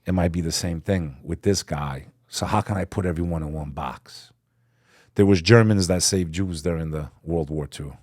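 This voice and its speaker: Podcast guest from Texas, a man with a low, dry-miked voice, earnest and lecturing. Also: normal speed, a little mellow, dry recording. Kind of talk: casual podcast conversation.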